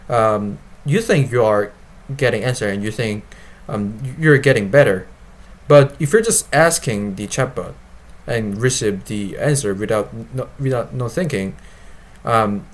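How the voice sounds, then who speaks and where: A man with a mid-pitched voice gives an informal product demo in non-native English. He moves forward haltingly, restarting phrases and rewording them as he explains. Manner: halting, repeats and rephrases phrases. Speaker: developer presenting his web app.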